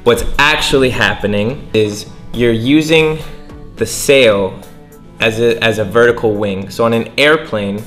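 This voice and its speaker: Gesturing beside a window near the water, a young man plainly explains how sailing works in a relaxed indoor lesson. His mid-range, fairly bright voice keeps a measured pace over soft background music.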